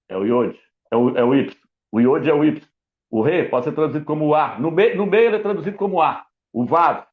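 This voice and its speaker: A middle-aged man, teaching the Bible emphatically as a preacher, repeating his points and speaking straight to the viewer. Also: on the high side. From Brazil. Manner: repetitive, insistent, addresses viewer directly; writes letters out while explaining. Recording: dull lo-fi recording.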